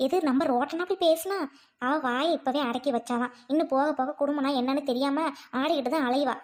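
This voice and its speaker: A woman's voice: sits high, a little fast, close to an everyday voice. A woman playing a bossy elder sister-in-law. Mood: indignant. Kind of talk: Tamil audio drama acting.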